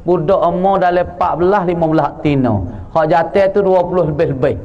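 A man's voice: a little high, a little fast, dull audio. A man from southern Thailand with a Patani Malay accent, preaching a mosque sermon as a religious teacher, telling stories and acting out quoted voices in a teasing way.

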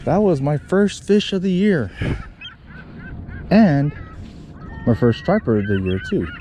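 A man vlogging from a kayak, giving relaxed, casual commentary to the camera between casts, recorded on a chest-mounted action camera outdoors. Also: a little high, slow, a little hiss or hum. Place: on a kayak out on open water.

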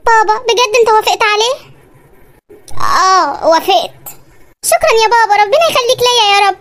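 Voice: very high voice, animated, a little fast, fairly bright tone. A voice actor playing a sweet, pleading young daughter in an Egyptian cartoon. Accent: Egyptian Arabic. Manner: pleading, affectionate.

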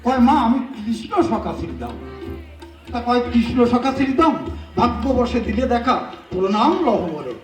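A man's voice: very high-pitched, moderate pace, roomy sound, recorded from a distance, soft background music. A man with a Bengali accent telling a devotional folk story on stage, acting out each character's dialogue. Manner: animated, switches voices for quoted characters. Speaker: kobi gaan performer. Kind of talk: sung storytelling with acted dialogue.

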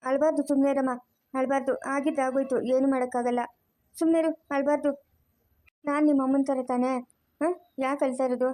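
A woman voicing a warm, firm motherly woman in a cartoon who comforts a crying girl. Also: high voice, steady tone, close to an everyday voice. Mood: comforting. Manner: fast, soothing, repeats comfort.

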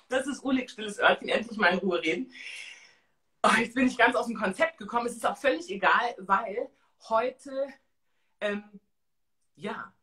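A woman in her forties hosting a casual live stream, chatting in an expressive, exclamatory way. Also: mid-range voice. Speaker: host of a live-stream talk show. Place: small tiled room indoors.

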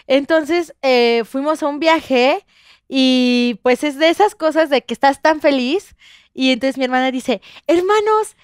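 A woman's voice: high-pitched, measured pace, dry recording, clean studio sound. A young woman, a guest telling a story and acting out what people said. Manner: animated storyteller, acts out quotes. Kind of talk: casual chat.

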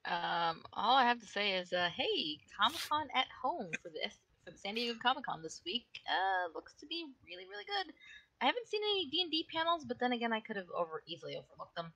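Female gamer, animated and bright, casual livestream chat. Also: fairly high pitch, fast talker, poor audio. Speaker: tabletop game player.

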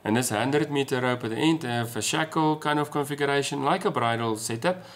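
This sailing vlogger is a man in his forties from South Africa whose Afrikaans accent colors his casual explanations to the camera. He speaks fairly quickly in a mid-range voice, filming indoors in a small room at home.

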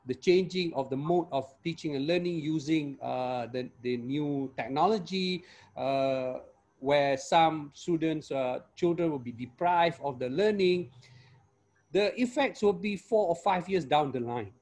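An older man speaks in an academic panel over an earphone mic on a video call. His voice sits a little high for a man. He talks haltingly, filling gaps and tagging his points with quick questions. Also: darkish tone. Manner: hesitant, many fillers and tag questions. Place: home room with virtual background.

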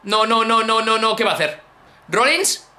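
A young man with a Peninsular Spanish accent giving excited let's-play commentary, exclaiming and repeating himself as he talks to his viewers. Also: high voice, moderate pace, reverberant. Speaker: gaming YouTuber.

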